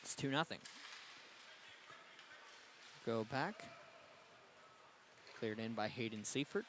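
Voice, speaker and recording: Male play-by-play announcer, mid-pitch, brisk delivery, faint noise behind. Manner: brisk, rises in excitement on goals. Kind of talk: hockey play-by-play commentary.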